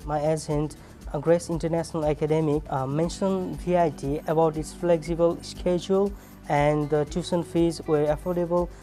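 Man from nepal, graduate testimonial, mellow tone, faint guitar music behind. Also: on the high side, little pitch movement, normal speed. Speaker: recent graduate. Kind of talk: promotional testimonial.

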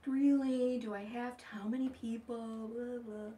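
A woman's voice: fairly high pitch, fairly even intonation, measured pace, mellow. An older woman demonstrating furniture painting live in a shop basement, chatting as she works. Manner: chatty, explains steps while working. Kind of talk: live how-to demonstration and chat. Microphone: far camera. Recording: distant voice, faint room noise.

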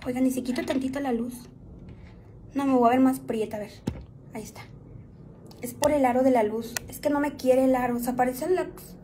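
A woman's voice: high voice, steady tone, a little fast, pauses often, dark tone, slight background noise. A woman with a Mexican accent chatting and joking with viewers while doing her makeup on a live stream, often calling them "chicas". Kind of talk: casual chat to viewers.

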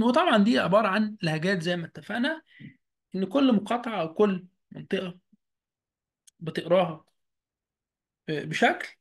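A man with an Egyptian Arabic accent, teaching a beginner German lesson over a video call. He speaks slowly and repeats each word deliberately. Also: sits high, slightly rough. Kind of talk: online language lesson.

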